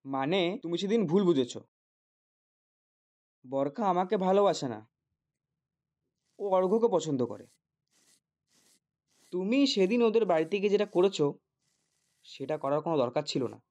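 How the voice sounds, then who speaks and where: A man's voice: sits high, lively intonation, moderate pace, pauses often, warm tone. A young actor playing a teenage boy pleading tearfully with his father. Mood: accusing. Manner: pleading, choked with tears. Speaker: son. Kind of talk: film drama acting.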